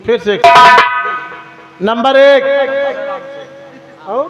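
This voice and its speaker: Folk-stage comic: very high, drawling rustic fool, played by a man, loud music behind. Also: highs cut off, exaggerated voice. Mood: muddled. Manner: slow and confused, mishears words. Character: dim-witted rustic male sidekick, slow and muddled.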